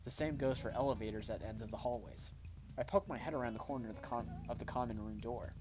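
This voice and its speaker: A man's voice: mid-range voice, quick pace, music in the background. A man streaming, casually reading a visual novel aloud and correcting his slips as he goes.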